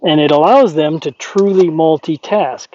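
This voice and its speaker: Calm man explaining horse training. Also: fairly high pitch, moderate pace. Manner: calm, explanatory, talks to the horse between points. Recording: dull, lo-fi with faint noise.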